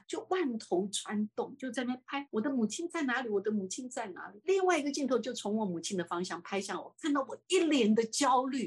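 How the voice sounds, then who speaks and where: As an interview guest, a woman shares a personal faith testimony, swinging between excited high exclamations and hushed speech.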